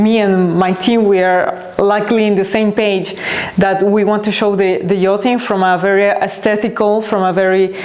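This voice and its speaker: This Colombian woman, a podcast host and company founder, answers listener questions with a loose, easy flow. Her mid-pitched, slightly mellow voice is earnest and reflective, and she pauses now and then to search for the right word. A clear, roomy echo surrounds her.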